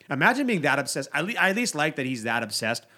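A man's voice: fairly high pitch, sing-song, fast talker, pushed and bright. A young man hosting a podcast, giving casual, conversational commentary. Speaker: podcast host.

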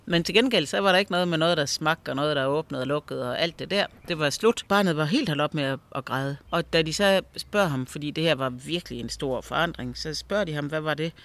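This is a man with a slightly raised pitch, a guest author spinning eerie stories in conversation. He tells them in a lively way, stumbling over repeated words whenever he restarts a thought. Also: hardly any pauses. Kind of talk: storytelling in a conversation.

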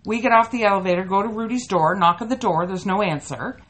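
A middle-aged woman from Canada, co-hosting a casual podcast and telling funny stories with an animated manner. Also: medium pitch, fast. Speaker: podcast co-host. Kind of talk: casual storytelling chat.

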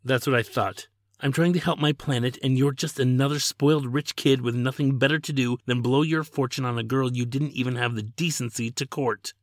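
A man's voice: medium pitch, steady tone, fairly quick, dry recording, clean studio sound, pitched above the performer's own voice, close to an everyday voice. Man voicing a curt, disdainful young princess. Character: proud young woman, princess rejecting a suitor, disdainful.

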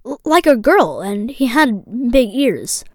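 A woman's voice: on the high side, very animated, takes it slowly, dry recording, clean studio sound, exaggerated voice. A woman voicing a young boy who calls into a show, speaking with blunt, simple childlike phrasing. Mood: earnest. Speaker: caller.

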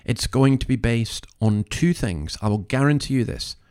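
A man's voice: medium pitch, expressive, moderate pace, a little mellow, smooth. A man hosting an opinionated commentary, speaking in an earnest, emphatic, moralising way with rhetorical questions. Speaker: commentary podcast host.

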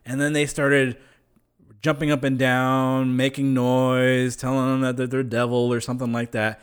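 Man, casual discussion, medium pitch, example-driven, some fillers.

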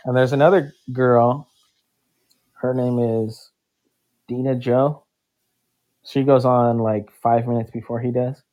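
A man's voice: mid-range voice, steady tone, slow, long pauses, warm tone, muffled recording. A man chatting casually with a stranger, rambling and filling his talk with "like" and restarts. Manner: rambling, filler-heavy, uses "like" a lot. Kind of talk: casual chat.

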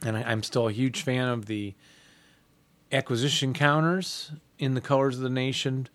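A man's voice: medium pitch, steady tone, normal speed, fairly bright tone. A man chatting casually as host of a hobby podcast with a partner. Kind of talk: casual co-hosted chat.

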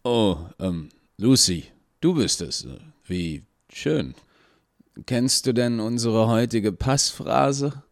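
A man's voice: fairly high pitch, lively intonation, moderate pace, hardly any pauses, no room sound, studio quality, pitched above the performer's own voice. A man voicing a nervous masked male gatekeeper who stammers and pleads. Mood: flustered.

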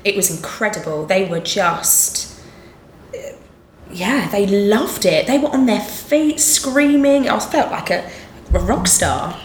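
A woman's voice: medium pitch, lively intonation, slow pace. Essex woman, stage performer, chatty and giggly, roomy echo with faint hiss. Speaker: musical theatre performer. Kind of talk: casual interview chat.

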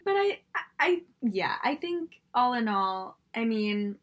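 A woman's voice: on the high side, very animated, takes it slowly, lo-fi sound. A woman from Singapore talking in a casual conversation as a co-host. She sounds reflective and fills her speech with "like". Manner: reflective, many "like" fillers. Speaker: podcast co-host.

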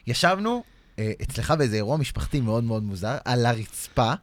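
A man co-hosting a podcast, telling a story in casual chat and acting out the other people in it. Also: medium pitch. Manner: animated, acts out shouting voices in his story. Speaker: podcast co-host.

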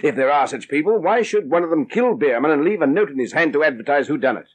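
An actor playing a blustery, skeptical police commissioner in a vintage radio drama, blunt and excitable. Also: male voice, on the high side, fast talker, slightly rough. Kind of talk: 1940s radio acting.

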